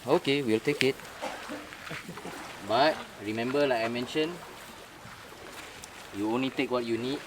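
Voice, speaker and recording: A man's voice: medium pitch, a little slow, pauses often, background noise. A man with a Singaporean accent giving step-by-step coaching in a casual instructional vlog. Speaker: fishing vlog host and guide.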